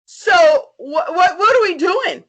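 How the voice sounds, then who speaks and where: Her voice is extremely high, slow, expressive and a bit bright, caught on a low-quality recording. She's a tipsy podcast co-host, getting drunker, who swears liberally and restates her opinions emphatically in a casual review discussion.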